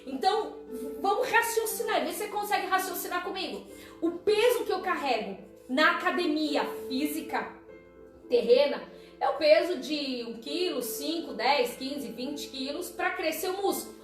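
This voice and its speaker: High-voiced woman preaching in an echoey room. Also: animated, normal speed. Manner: conversational preaching, asking the listener "tá?" again and again. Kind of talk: sermon on a live stream. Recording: echoey room, distant mic, faint music.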